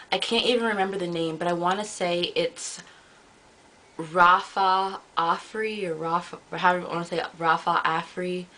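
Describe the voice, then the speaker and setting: A young woman from the United States giving a casual, rambling hair review on her vlog, full of ums and self-corrections. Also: on the low side. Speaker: beauty vlogger. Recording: faint background noise.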